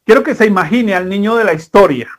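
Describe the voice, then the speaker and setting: A man preaching a sermon as a guest pastor, earnest and slow with emphatic pauses. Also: high-pitched.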